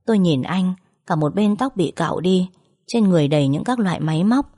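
A woman narrating a first-person story in a calm, emotional storytelling manner. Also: fairly low pitch, brisk, breathy edge.

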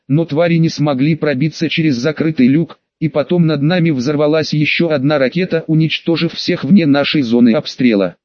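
A man's voice: a little high, no room sound. Man reading an audiobook, dry dull sound. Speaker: audiobook narrator. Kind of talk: scripted first-person narration. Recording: dull, slightly lo-fi dry recording.

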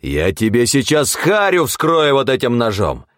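A man voicing a brutal, furious male gang thug who snarls and shouts abuse. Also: mid-range voice, huge pitch swings, a little slow, dry recording, studio quality, pitched above the performer's own voice.

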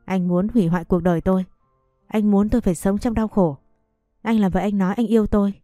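A woman's voice: medium pitch, steady tone, fast talker, warm tone, no room sound, studio quality, soft background music, natural voice. A woman reading the lines of a wronged young woman in an audio story, pleading and accusing.

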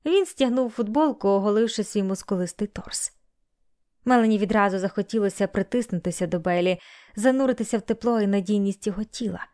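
Female audiobook narrator, steady and even, plain scripted reading. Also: medium pitch, a little fast.

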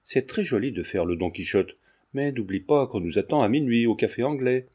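A man's voice: medium pitch, expressive, brisk, dark tone, husky. A man doing a grumbling young dandy. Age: young adult. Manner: grumbling, muttering. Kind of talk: audiobook character reading.

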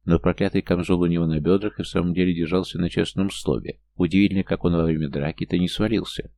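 A man's voice: steady tone, fast talker, warm tone. A man narrating a fantasy story as an audiobook reader, voicing all the characters himself. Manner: reads every character's lines himself, lifting his pitch for younger or smaller figures.

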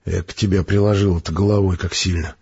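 Brief: gruff, dry-humoured soldier officer, read by a male narrator, husky and lowish, muffled audiobook sound. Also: steady tone, brisk, darkish tone, exaggerated voice. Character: gruff dryly joking male space major.

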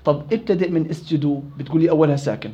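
A man's voice: on the high side, rapid-fire, dull audio. A man teaching Quran recitation rules in a classroom lecture, explaining rules and quizzing his students.

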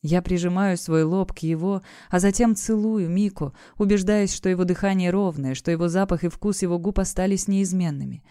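Warm, mellow-voiced woman reading a novel. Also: fairly low pitch, normal speed, hardly any pauses, clear, resonant tone, no echo, studio quality. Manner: acts out the shouting parents and lovers in her own voice. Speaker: audiobook narrator. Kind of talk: first-person audiobook narration.

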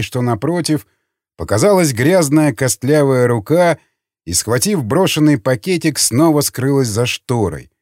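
A man narrating an audiobook in an expressive reading voice. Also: on the high side, no echo, studio quality. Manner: expressive, voices many characters.

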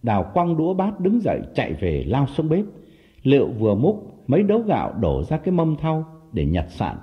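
Man narrating a story with lively intonation. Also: fairly high pitch, moderate pace. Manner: expressive, dramatic storytelling. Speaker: audiobook narrator. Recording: dull lo-fi audio with background music.

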